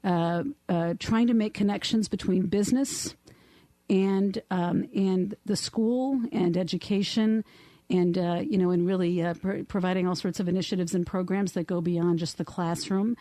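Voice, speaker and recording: A woman's voice: fairly low pitch, steady tone, moderate pace, warm tone, dry recording. A woman hosting a radio interview in a studio, chatty, with many fillers and restarts. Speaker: radio talk show host. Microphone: studio microphone.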